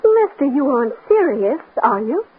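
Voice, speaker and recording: Persuasive young fiancée, American accent, higher voice, 1940s-style radio drama acting, tinny scratchy recording. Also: female voice, very animated, moderate pace. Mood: doubting, teasing. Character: practical, coaxing young fiancée, doubting yet persuasive. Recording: scratchy, band-limited old radio recording with noise.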